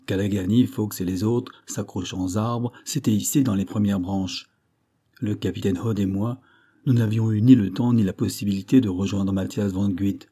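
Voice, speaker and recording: Male audiobook narrator, low-pitched and mellow, steady measured reading. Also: husky. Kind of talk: scripted narration of a classic novel.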